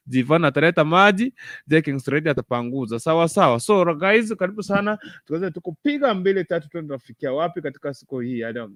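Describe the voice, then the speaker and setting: On an informal online gospel livestream, a man with a Kenyan accent addresses viewers, switching between English and Swahili and repeating himself. His voice is a little high, captured in clean studio sound with no room tone.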